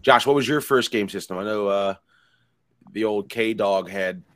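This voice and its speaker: Deep-voiced man, rambling casual chat. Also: measured pace, a bit bright. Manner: rambling, profane, laid-back storytelling. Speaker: podcast co-host.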